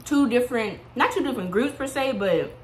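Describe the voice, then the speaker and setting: A relaxed young woman from San Antonio chats casually and often chimes in with short agreements. A faint ambient hum sits behind her voice. She sounds like a college student talking with a friend on camera. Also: a little high, a little fast. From San Antonio, Texas. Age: young adult. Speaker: vlogger. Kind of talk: casual chat.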